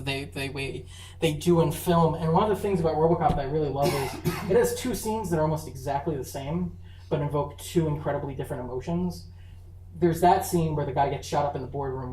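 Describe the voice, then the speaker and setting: A convention panel presenter giving a casual, chatty talk on film, full of fillers and quick laughs. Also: medium pitch, a little mellow. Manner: enthusiastic, chatty, laughs often, many fillers. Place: university convention room. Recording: echoey room, far mic, faint hum.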